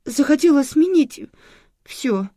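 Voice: mid-range voice, expressive, normal speed, darkish tone, husky, dry recording, clean studio sound, voice pushed up. A reader voicing an anxious woman passenger on the verge of tears. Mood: tearful. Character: tearful anxious middle-aged female passenger.

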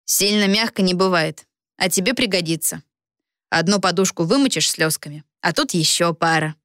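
A woman's voice: lowish voice, normal speed, fairly bright tone, no echo, studio quality. A woman voicing a blunt, sarcastic young woman roommate in an audiobook, speaking in a cutting tone.

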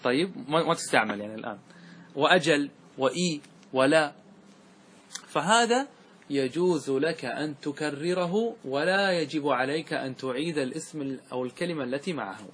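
A man teaching Arabic grammar to a class, explaining step by step, slowly reciting verse lines and asking quick check questions. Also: a little high, expressive, fairly bright tone, a little hiss or hum.

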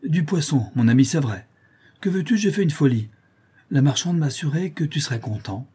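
Kindly old aunt, high and gentle, husky underneath , as a male narrator puts her on. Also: expressive, normal speed. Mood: cheerful.

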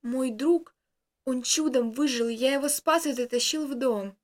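A woman's voice: sits high, a little slow. A woman voicing a desperate young man lost in the wild, pleading and breathless.

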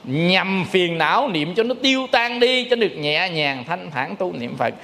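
A man, a Buddhist monk, giving a dharma talk, telling stories lively and firing rhetorical questions at the listeners. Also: high-pitched, measured pace. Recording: long hall reverb.

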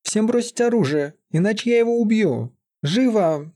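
A man's voice: high-pitched, very animated, fairly quick, warm tone, no echo, clean studio sound, pitched above the performer's own voice. A man reading a story, voicing a brave young princess warrior in a raised, urgent voice. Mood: commanding.

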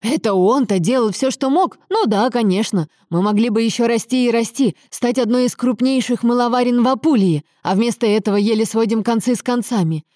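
A woman reader voicing an angry young adult son who shouts and hisses accusations at his father. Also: very high voice, quick pace, hardly any pauses, no room sound, studio quality, pitched above the performer's own voice. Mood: furious. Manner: shouting, hissing, bitter interrogation.

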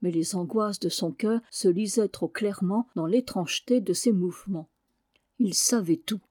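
Female audiobook reader, classic novel; steady expressive narration, medium pitch, dry sound. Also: moderate pace, dry recording. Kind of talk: reading a classic novel aloud.

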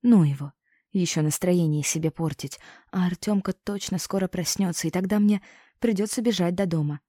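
A woman's voice: fairly low pitch, moderate pace, dark tone, no echo, clean studio sound. A woman narrating a first-person story as an audiobook, telling it expressively and voicing the characters.

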